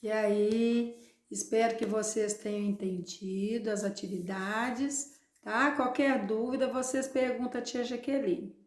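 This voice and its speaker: A woman teacher with a Brazilian Portuguese accent, explaining a school exercise slowly and patiently to young children. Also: on the high side, steady tone, a little mellow, reverberant. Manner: slow, explanatory, addressing children. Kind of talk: online classroom lesson.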